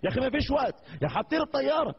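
An impatient male gate attendant who scolds and hurries someone, as a man acts him out. The voice is pitched high and rushed, on a dull lo-fi recording. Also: very animated, husky, full character voice.

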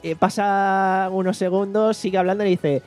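Chatty man, slightly high voice. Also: steady tone, normal speed, darkish tone, soft background music. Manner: retells a comedy show with lots of fillers and swearing. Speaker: podcast host. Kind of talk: casual chat.

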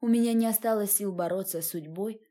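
A woman's voice: mid-range voice, fast, warm tone. A woman narrating a first-person audiobook with a dramatic, emotional reading.

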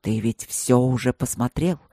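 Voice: mid-range voice, unhurried, no room sound, clean studio sound, pitched below the performer's own voice, lightly acted. A reader voicing a proud young warrior tiger who speaks curtly and heavily. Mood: sullen. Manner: flat and heavy, curt.

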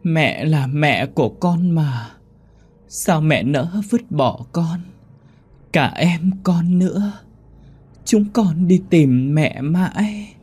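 A small ghost child, put on by a male horror narrator, begging in a high, thin voice and drawing every word out slowly. The wail sounds faint and set back, as if calling from a distance. It suits a spoken horror story. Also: lively intonation, darkish tone, husky, heavily acted. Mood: plaintive wailing. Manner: slow, plaintive, wailing.

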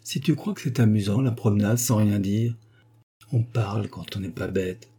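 A man reading aloud and voicing a capricious, quarrelsome young Parisian woman with sulky, shrill outbursts. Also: normal speed, warm tone, slightly rough. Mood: irritated.

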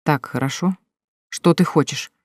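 A woman voicing a male boss in an audiobook, speaking slowly, steadily and firmly. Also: low-pitched, no echo, studio quality. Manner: slow, steady, firm. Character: calm commanding male boss.

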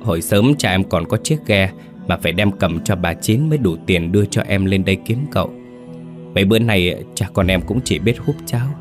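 A man's voice: low-pitched, a little fast, music in the background. A stammering, tearful young mother, a man putting her on. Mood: pleading. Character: poor frightened young country woman, tearful mother.

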